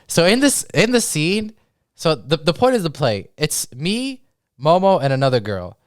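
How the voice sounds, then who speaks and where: A young man co-hosting a podcast, telling a story in casual chat with lots of laughing and mimicked shouts. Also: fairly high pitch, very animated, normal speed, clean tone, no echo, studio quality. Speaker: podcast co-host.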